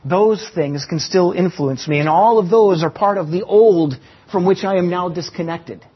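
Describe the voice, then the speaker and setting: Male pastor, fairly high husky voice, sermon on a muffled lo-fi recording. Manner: teaching with illustrations and slow emphatic pauses.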